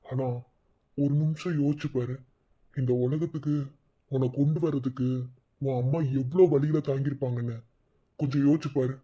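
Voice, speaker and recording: A man's voice: mid-range voice, fairly even intonation, moderate pace, long pauses, mellow, breathy edge, dull audio, natural voice. A man voicing a young son-in-law in a cartoon, soothing and reassuring but firm when he has to be. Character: young son-in-law, calm and protective, stern when needed. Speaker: son-in-law comforting the family.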